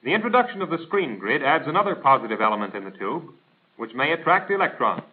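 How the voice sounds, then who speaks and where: Fast and with big swings in pitch, a medium-pitched American man reads a scripted instructional narration. He sounds formal, precise and teacherly, as in a 1940s military training film, captured on a thin, band-limited 1940s film soundtrack.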